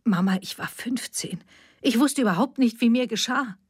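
A woman's voice: a little high, moderate pace, slightly rough, voice pushed up. A woman voicing an angry grown daughter who confronts her mother with accusing questions, read as part of an audiobook story. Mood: bitter.

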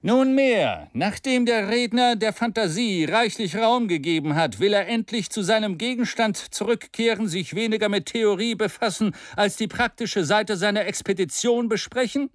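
A man's voice: high voice, expressive, normal speed, hardly any pauses, no echo, studio quality, voice pushed up. Man voicing a stern, grave skeptic. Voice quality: strong, grave voice. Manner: clear, firm, challenging. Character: gaunt, stern male skeptic, cool and challenging.

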